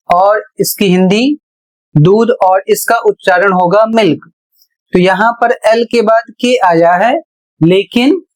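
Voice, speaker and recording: A male teacher giving a pronunciation lesson, spelling words out letter by letter and explaining each rule slowly. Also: high-pitched. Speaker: English teacher.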